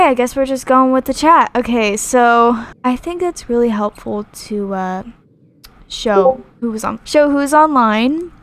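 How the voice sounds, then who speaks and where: A chatty young woman talks over her gameplay with a slightly high voice, rambling and restarting her sentences. She reads viewers' comments aloud and gives her opinions in loose, filler-heavy speech. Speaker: gaming YouTuber.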